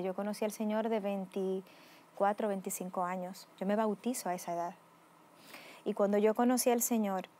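A woman from the Dominican Republic with a Dominican accent, a preacher and host, speaking articulately and expressively as an interview guest. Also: medium pitch. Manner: articulate, expressive, laughs easily.

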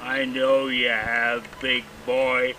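A man voicing a coy, seductive female lake with a breathy, silken, purring voice. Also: mid-range voice, flat delivery, slow, pushed and bright. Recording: distant mic, outdoor noise.

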